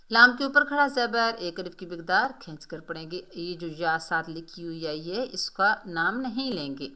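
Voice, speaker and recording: A woman teaching a Quran recitation lesson, explaining each pronunciation rule slowly and then chanting the words in long, drawn-out tones. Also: medium pitch, bright, forceful tone. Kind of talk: tajweed lesson with recited examples.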